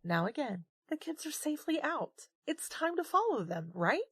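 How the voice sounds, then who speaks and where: A woman's voice: sits high, big pitch swings, normal speed, a bit bright, no echo. A woman narrating a tabletop game as game master, describing events dramatically.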